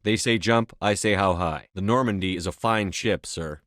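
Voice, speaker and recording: Video game military commander: low male voice, steadfast, clipped and formal, dry close sound. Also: moderate pace, a bit bright, no echo. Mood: formal, respectful. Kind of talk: video game dialogue lines.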